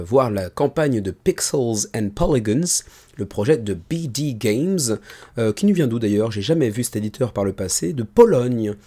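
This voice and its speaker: Speaking close to a microphone about ten centimetres away, a man hosts a board game crowdfunding video show from a small room indoors. His voice is tired and has a breathy edge, so he holds it back, keeping it low and soft. His manner is casual, chatty and self-deprecating.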